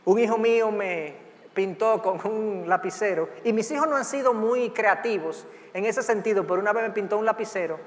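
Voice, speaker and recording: A middle-aged male pastor preaching to a congregation with a high, bright voice. He talks in an animated way and slips into quick voices of parents and children. His words ring out with a long reverb from a large church hall. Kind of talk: sermon on parenting.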